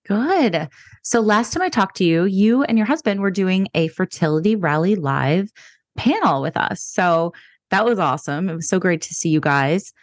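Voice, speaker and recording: A woman's voice: fairly low pitch, animated, moderate pace. A woman hosting a podcast, chatty and friendly with her listeners, leading an interview. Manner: chatty and warm toward guest, uses fillers like "you guys". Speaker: podcast host. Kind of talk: podcast interview and sponsor read.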